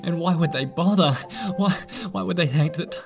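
Anxiety as a frantic, self-doubting emotion, as a performer puts it on. The pitch sits mid-range, and music plays behind. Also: fairly quick, vocal fry, lightly acted. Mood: self-pitying. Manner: fretful, spiralling worry. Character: nervous fretting emotion of anxiety.

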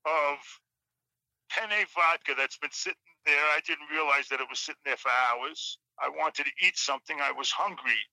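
Man on speakerphone, gravelly and high. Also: normal speed, no room sound, low-quality recording. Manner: animated, jokey storyteller. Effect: heard over a phone on speakerphone. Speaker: caller. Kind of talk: casual storytelling on a talk show.

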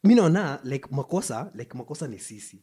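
Casting: Kenyan male podcast co-host, husky voice, opinionated and emphatic, code-switching into Swahili slang. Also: mid-range voice, big pitch swings, fairly quick, dark tone. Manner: emphatic, stop-start delivery with repetition. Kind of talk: casual opinionated discussion, mixing English and Swahili slang.

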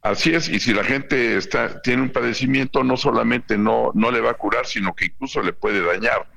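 A man's voice: medium pitch, moderate pace, vocal fry, fairly bright tone. A Mexican man speaking as an industry director on a phone line into a radio show, explaining in a friendly way with "este" fillers and "¿no?" tags.

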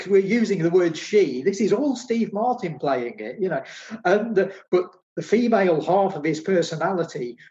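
Guy raving about a movie, kinda high voice, muffled dull audio. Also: a little mellow. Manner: enthusiastic, emphatic, repeats phrases. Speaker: film podcast co-host. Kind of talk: casual film discussion.

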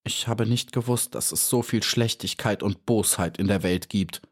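A man voicing a brave, proud little female bee in a storybook reading, with a high, eager, earnest voice. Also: moderate pace, natural voice. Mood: sorrowful.

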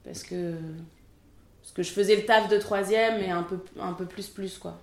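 A woman's voice: medium pitch, steady tone, moderate pace, roomy sound. A French woman in her thirties, a film assistant director, chatting candidly in an interview with many fillers. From France. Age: 30s. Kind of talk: casual interview.

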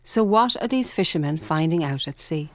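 A woman's voice: deep voice, expressive, normal speed. A woman presenting scripted documentary narration in an earnest, emphatic manner.

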